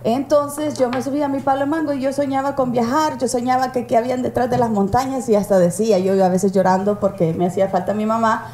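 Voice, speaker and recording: A woman's voice: on the high side, steady tone, quick pace, hardly any pauses, darkish tone. A middle-aged woman from El Salvador with a Salvadoran accent, recalling her childhood in a casual interview. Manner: storytelling, reflective. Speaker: guest author. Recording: roomy with faint noise.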